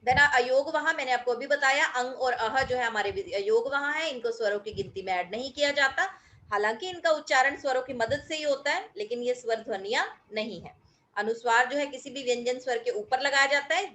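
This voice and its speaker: A woman's voice: sits high, fairly quick, fairly bright tone. A woman teacher giving a recorded grammar lesson, explaining patiently to her pupils and drawing out sounds to demonstrate pronunciation. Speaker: school teacher.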